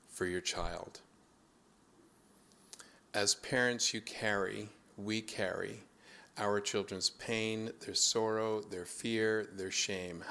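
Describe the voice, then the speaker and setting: A male pastor delivers a sermon in a lowish, bright and forceful voice. He tells an anecdote at an unhurried, deliberate pace, then draws a reflective lesson from it. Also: gravelly. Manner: slow anecdotal storytelling that turns reflective. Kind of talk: sermon with personal storytelling.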